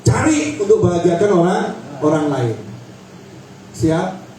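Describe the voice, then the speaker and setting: A man preaching to a crowd with a high, lively voice, swinging from loud urging to low stretched words. He repeats phrases in rhythmic runs. The sound is heavily echoey and from far off, with faint background noise. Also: unhurried. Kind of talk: Ramadan sermon to a crowd.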